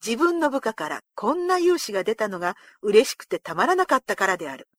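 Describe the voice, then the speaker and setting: A woman narrating a historical storybook in a measured, expressive way. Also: on the high side, no room sound, clean studio sound.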